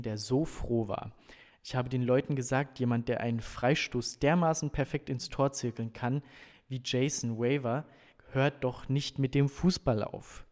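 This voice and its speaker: A man reading aloud, voicing an earnest football coach who stresses his words slowly. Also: medium pitch, darkish tone, long reverb tail, lightly acted. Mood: emphatic. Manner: emphatic, slow stressed words.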